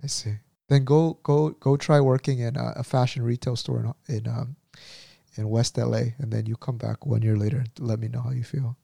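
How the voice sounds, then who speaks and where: A young man hosts a relaxed podcast conversation, chatty and laughing easily. His voice is warm and mellow. The recording is dry and close. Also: medium pitch, fairly quick, vocal fry, dry recording. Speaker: podcast host. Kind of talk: casual podcast chat.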